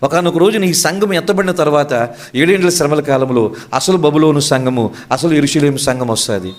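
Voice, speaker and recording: A male pastor with a medium-pitched voice preaches a sermon. He fires off rhetorical questions and slips in English phrases.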